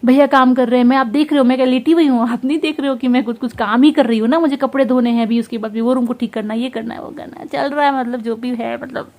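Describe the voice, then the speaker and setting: A young woman vlogging at home, telling a story about her day with quoted dialogue while feeling unwell and tired. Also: sits high. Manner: fast, animated recounting with quoted dialogue. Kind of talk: casual vlog storytelling.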